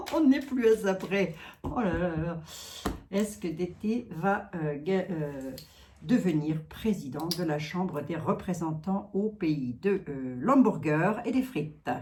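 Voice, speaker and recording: A woman's voice: fairly low pitch, lively intonation, slow pace, dark tone, a little hiss or hum. A French-speaking woman doing a card reading, chatting casually with her viewers and filling her talk with asides. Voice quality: chatty, talks to viewers, many asides and "hein". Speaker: card reader.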